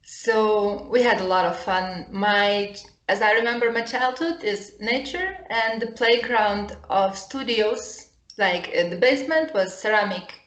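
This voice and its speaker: A woman of thirty from Lithuania, a guest chatting casually over a call and often pausing to search for English words. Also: medium pitch, a bit bright. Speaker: guest, upcycling designer and potter. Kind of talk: casual chat. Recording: roomy echoey sound.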